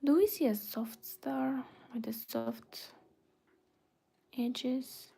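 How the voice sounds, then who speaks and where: High-pitched and creaky, with a dark tone and breathy edge, this woman draws out her words as she works on a website. She is from Bulgaria and thinks aloud on a casual livestream, murmuring half to herself and frequently whispering.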